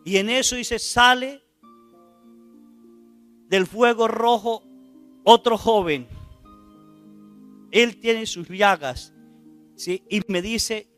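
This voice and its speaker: High, bright-voiced priest preaching dramatically. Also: male voice. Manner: dramatic, acts out quoted speech loudly, asks the congregation rhetorical questions. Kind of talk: sermon retelling a testimony.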